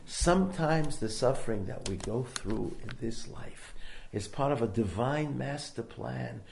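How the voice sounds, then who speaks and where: A man's voice: mid-range voice, lively intonation, unhurried, vocal fry, a little mellow, slight background noise. A man giving a rabbi's sermon, emphatic, repeating phrases with building intensity. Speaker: rabbi giving a religious talk.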